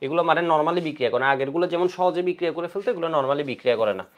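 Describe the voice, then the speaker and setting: A man's voice: fairly high pitch, very fast, highs cut off. A man teaching an online chemistry lecture for exam prep, repeating key points again and again to drill his students.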